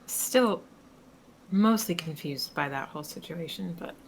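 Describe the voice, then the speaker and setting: A woman calmly playing her character in a tabletop role-playing game, with a dry manner. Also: lowish voice, unhurried, slight background noise, poor audio. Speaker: player.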